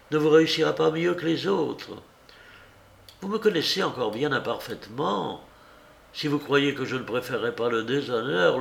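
A proud, furious young heiress, as a male reader puts her on for an audiobook. She spits out vehement, bitter accusations, a little higher than his usual voice and louder, and the lines stretch out slowly. A gravelly rasp stays in the tone throughout. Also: heavily acted.

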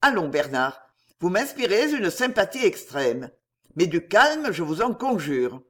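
A reader voicing an older male magistrate, kind but stern, speaking in a measured, formal way. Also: mid-range voice, very animated, a bit bright.

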